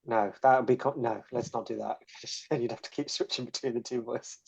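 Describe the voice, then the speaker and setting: A man's voice: medium pitch, steady tone, brisk, vocal fry, husky. A man playing a tabletop game, casually discussing plans and restating himself as he reasons aloud, on a slightly dull recording. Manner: repeats and restates words while reasoning aloud.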